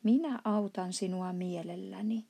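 A woman voicing a small, brave young girl in a storybook reading, quiet and matter-of-fact. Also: medium pitch, gravelly, slightly rough.

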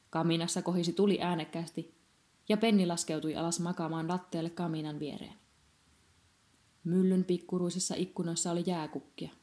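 A woman calmly reading a children's story aloud at an even pace. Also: fairly low pitch. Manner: calm, even-paced reading. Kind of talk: scripted narration of a children's story.

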